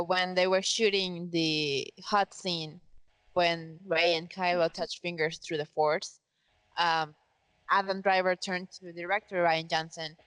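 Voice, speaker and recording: A woman's voice: fairly low pitch, fairly bright tone, smooth, no room sound, poor audio. A woman co-hosting a fan podcast in easy, casual chat. She is emphatic and often sarcastic, and she peppers her talk with "like" and "you know". Her voice sounds close and dry, with almost no room sound. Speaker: podcast co-host.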